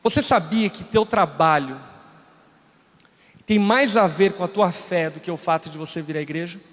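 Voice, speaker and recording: A man's voice: high voice, moderate pace. A Brazilian man in his thirties preaching a sermon, telling stories and acting out the dialogue. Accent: Brazilian Portuguese. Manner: storytelling preacher, acts out dialogue. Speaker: pastor. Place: large church hall. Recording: long hall reverb.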